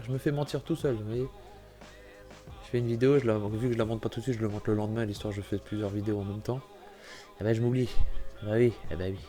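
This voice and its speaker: His voice is on the low side and dark in tone. A YouTuber with a cold, he clears his throat through a casual, self-correcting commentary on a computer-building game, apologizing frequently along the way.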